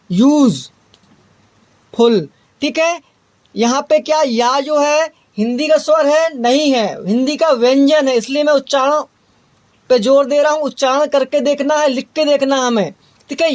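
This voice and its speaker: A woman with a high voice gives an explanatory grammar lesson. She poses questions to her students, answers them herself, and keeps checking in with a quick "okay". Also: darkish tone. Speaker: English grammar teacher.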